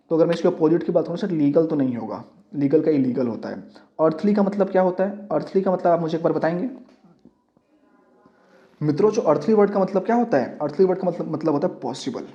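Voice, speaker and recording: Here a man teaches English for an upcoming exam, his voice fairly high and warm. He keeps questioning his students only to answer himself, mixing English terms throughout his explanations. The lesson's recording is dull lo-fi audio.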